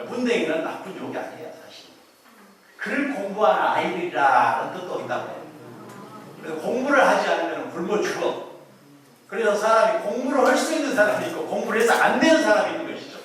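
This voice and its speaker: A man's voice: high voice, a bit bright. A man giving a chatty public lecture, joking and quizzing his audience. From Korea. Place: lecture hall. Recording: very echoey hall, voice from far off.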